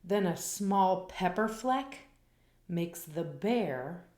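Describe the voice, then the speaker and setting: A woman reading a children's picture book aloud in a slow, expressive, rhythmic way, after a casual spoken intro. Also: fairly low pitch, roomy sound.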